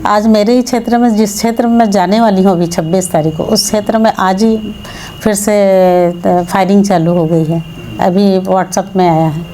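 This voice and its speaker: A woman politician answers an interviewer in a firm, argumentative way, often firing back with pointed questions. Her voice is mellow and on the darker side. A faint hiss of noise sits under the recording. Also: medium pitch. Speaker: MLA, interview guest.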